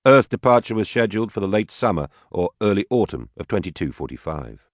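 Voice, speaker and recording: A man narrating an audiobook in a steady, even reading voice. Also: fairly low pitch, a little fast, dry recording, clean studio sound. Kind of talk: scripted narration.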